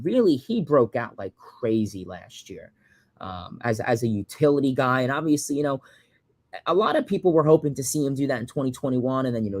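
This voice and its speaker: This is a man in his early twenties from Long Island, New York, running a laid-back livestream where he takes questions from viewers. His voice is medium in pitch with no room sound, and he tends to ramble, repeat words, and fill gaps with lots of fillers.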